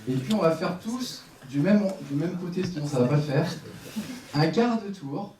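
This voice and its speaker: A man's voice: sits high, lively intonation, moderate pace, warm tone. A man giving a sports conference talk on a headset mic, leading the audience through exercises with a directive, joking manner. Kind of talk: live lecture with audience exercises. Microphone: headset microphone. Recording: echoey room, voice from a distance, faint room noise.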